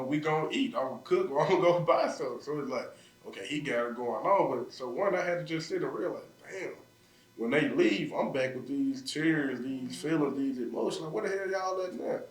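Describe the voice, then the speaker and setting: A man with a Memphis Southern drawl, recounting a hard stretch of his life in raw, emotional talk full of "like." His voice sits at an ordinary middle pitch. He is caught from some distance off the mic in a roomy, echoing space. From Memphis, USA. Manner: raw, emotional, frequent "like" fillers. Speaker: podcast guest. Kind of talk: personal storytelling in conversation.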